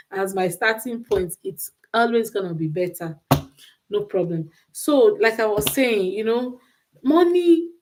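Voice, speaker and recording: On a rough recording, a woman with a Nigerian accent and a medium-pitched voice speaks unscripted on a livestream. She's a host giving relationship advice, emphatic and prone to repeating phrases for stress.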